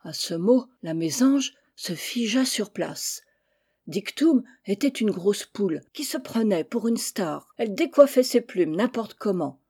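A woman reads a children's fable aloud in a gentle, measured storybook manner. Her voice is dark and mellow, with a husky, breathy softness at mid pitch. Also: expressive.

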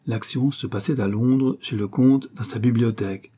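A man reading a novel aloud in a measured, literary narration. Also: medium pitch, steady tone, dark tone, husky. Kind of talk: audiobook narration.

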